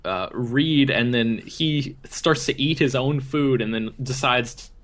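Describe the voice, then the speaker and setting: A man's voice: mid-range voice, takes it slowly, a bit bright. A man hosting a movie podcast, rambling casually with lots of fillers and restarts. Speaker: podcast host. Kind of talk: casual movie review chat.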